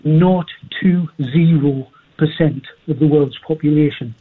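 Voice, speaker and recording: A man's voice: fairly high pitch, unhurried, slightly rough. A man calling a radio show over the phone, earnest and persistent, reciting figures through a muffled line. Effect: heard over a phone line.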